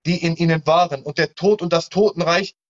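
A man's voice: a little high, steady tone, brisk. A man preaching in a heated live-stream debate, admonishing and repeating fire-and-brimstone warnings. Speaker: online evangelist. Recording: muffled lo-fi live-stream audio.

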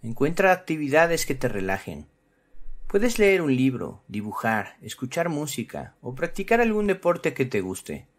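The presenter of a children's psychology channel, a man, delivers scripted, instructive narration that speaks directly to children. His mid-range voice is very animated and comes at a measured pace.

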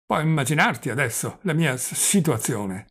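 A man's voice: a little high, sing-song, normal speed, a bit bright, slightly rough, full character voice. A man reading the part of a forgetful, rambling old prince who stammers and drops French phrases, in an audiobook. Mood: fretful. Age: older.

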